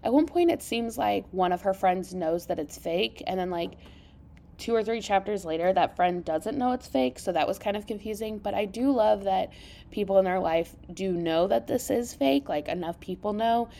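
Female book-podcast host, marked vocal fry, mellow tone, congested, informal and enthusiastic delivery. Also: mid-range voice, normal speed. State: congested sinuses. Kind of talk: casual book review chat.

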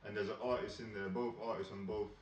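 A young man with a London roadman accent, talking very quickly in casual street slang. He is emphatic and repetitive, with a slightly low voice, and the sound is roomy and a little distant. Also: little pitch movement. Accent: London roadman, urban street slang. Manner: emphatic, repeats himself, tags phrases with "bro" and "innit". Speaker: podcast co-host. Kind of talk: casual banter and opinion with heavy street slang. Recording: roomy, distant, dull with faint noise.

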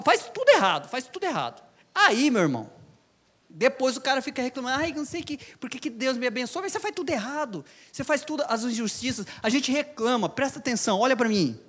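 A Brazilian man with a high voice delivers a lively church sermon. He keeps turning to the congregation, repeating his key phrases for emphasis. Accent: Brazilian Portuguese. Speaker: lay preacher.

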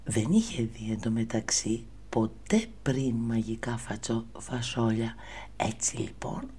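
Husky, half-whispering woman storyteller. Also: very deep voice. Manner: soft, half-whispered, addresses children often. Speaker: storyteller reading to children. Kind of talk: children's story narration.

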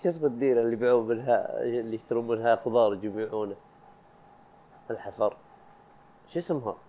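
Fast-talking young man, mellow voice. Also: mid-range voice, steady tone. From Saudi Arabia. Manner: chatty, rambling, self-interrupting, laughs often. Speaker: podcast host. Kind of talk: casual solo podcast monologue.

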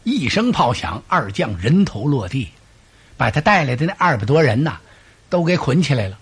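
Male storyteller, husky, highly animated, dramatic delivery. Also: moderate pace. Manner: animated, dramatic, vivid sound effects. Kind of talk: traditional storytelling performance.

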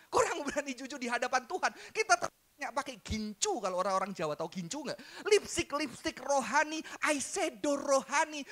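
A man preaching a sermon to his congregation, animated and joking, mixing in English phrases. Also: very high voice. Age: adult, father. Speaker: pastor.

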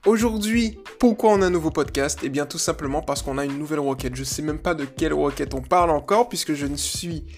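A man's voice: on the high side, a little fast, hardly any pauses, faint music behind. A man hosting a casual solo dog-training podcast, rambling, joking and correcting himself as he goes. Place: indoors, alone by a wall.

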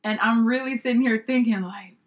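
A woman's voice: a little high, brisk. A woman guest in a casual interview recalls her childhood with lots of animation. She laughs often and mixes slang with a little swearing. She acts out the people she quotes in a chatty, easygoing way.

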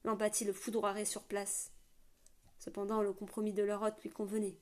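A woman's voice: medium pitch, little pitch movement, normal speed, a little mellow. Woman narrating a fantasy audiobook.

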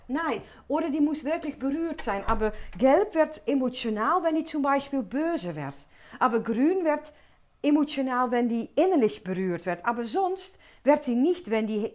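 A woman hosting a casual solo podcast, chatting softly and a bit slowly as she explains things with everyday workplace examples. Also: high-pitched. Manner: speaks softer and slower on purpose. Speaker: podcast host and workplace trainer.

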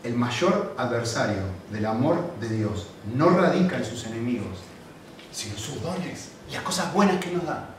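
A man's voice: mid-range voice, moderate pace. Echoey preacher man in a big hall. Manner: animated storytelling with acted quotes. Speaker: pastor. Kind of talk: sermon. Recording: very echoey hall, distant mic, faint noise.

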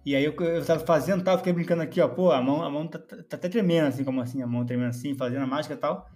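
A man's voice: a little high, racing, darkish tone, faint music behind. A young man co-hosting a casual podcast, bantering playfully and telling anecdotes. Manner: playful, mock-indignant banter. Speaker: podcast co-host. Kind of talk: casual chat.

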